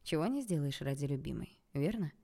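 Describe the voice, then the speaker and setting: A woman's voice: sits low, expressive, brisk, creaky, warm tone, heavily acted. A woman voicing a smug, condescending man who speaks in a lazy, drawling way. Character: smug, mocking male ruler posing as a boyfriend.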